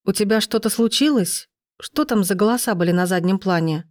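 A woman voicing an anxious young woman on the phone, speaking higher and louder than her narration. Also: brisk, no echo, studio quality, close to an everyday voice. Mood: worried.

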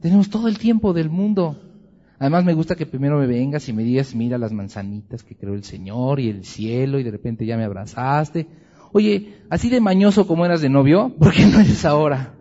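A man's voice: fairly high pitch, brisk, mellow, natural voice. A man voicing Eve, a wife teasing and complaining to her husband in a nagging, playful tone. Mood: teasing complaint. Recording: dull lo-fi recording in a reverberant hall.

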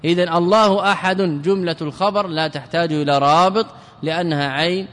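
In a spacious-sounding room, a man teaches Arabic grammar as a religious scholar, posing questions to his students, answering them himself and slowly chanting verse. His voice sits on the high side, fairly bright in tone, with fairly even intonation.

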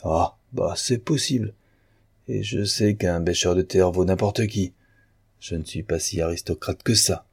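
A man's voice: low-pitched, measured pace, creaky, darkish tone, husky, no room sound, clean studio sound, full character voice. A man voicing a bitter, mocking male painter in an audiobook of a novel. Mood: scornful. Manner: sneering, sarcastic.

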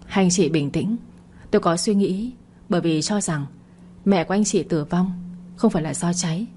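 A woman voicing a calm, composed female doctor who speaks in a measured, firm way in a storybook narration. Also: on the low side, a little hiss or hum, lightly acted.

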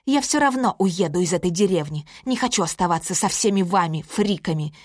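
A woman reading the part of a furious, foul-mouthed woman who shouts insults. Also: on the low side, expressive, fairly quick, no echo, studio quality. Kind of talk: audiobook character reading.

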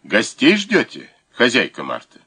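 A man reading a self-assured security officer who speaks calmly and cheerfully, with a mocking edge. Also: mid-range voice, a little slow, husky, voice pushed up, full character voice. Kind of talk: audiobook character voice.

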